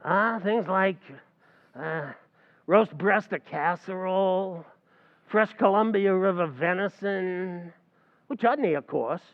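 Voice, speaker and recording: A man with a high voice speaks slowly as a brash, scheming tavern manager in an old-time radio comedy recreation. The character wisecracks and trips over big words, and the sound is tinny, like a phone line.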